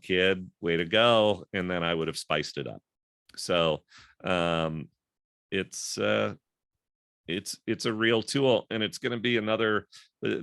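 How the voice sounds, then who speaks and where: A man's voice: on the low side, pushed and bright, clean tone, no room sound, studio quality. A man hosting a casual group discussion over a video call, rambling and thinking aloud with lots of fillers.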